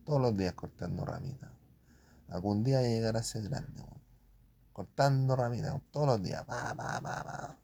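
A man's voice: lowish voice, normal speed, gravelly, mellow, slight background noise. A man with a Chilean accent rambling casually about print shop work, full of slang and spoken sound effects.

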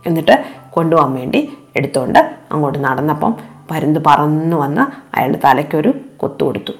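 A woman narrating a children's animal fable in a gentle, unhurried storytelling manner. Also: low-pitched, expressive, soft background music.

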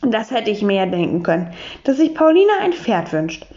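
A woman reading a children's storybook aloud, telling it lively in the first person as a boy. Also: mid-range voice, normal speed. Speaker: audiobook reader. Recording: dull lo-fi recording.

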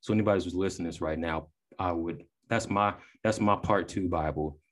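A low-pitched man hosting a podcast. He talks emphatically and swears freely, speaking straight to his listeners as guys. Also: brisk. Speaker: podcast host. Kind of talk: casual interview talk.

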